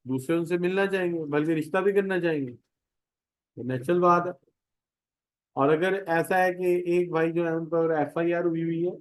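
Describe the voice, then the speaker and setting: A man's voice: fairly high pitch, rough recording. A middle-aged man with a Pakistani Urdu accent, giving a classroom economics lecture in a chatty way, telling homely stories to his students. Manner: chatty, tells homely anecdotes, addresses students directly. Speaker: economics teacher.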